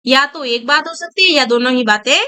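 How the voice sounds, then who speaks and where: A woman's voice: high voice, fairly quick, pushed and bright, smooth. A woman reading a story aloud to students and explaining each line in simple words. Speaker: Hindi teacher.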